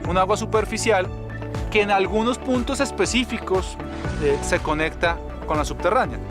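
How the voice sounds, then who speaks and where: A man explains his view in a documentary interview. His voice is a bit high for a man, and music is clearly audible behind him. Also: moderate pace. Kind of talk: informal expert interview.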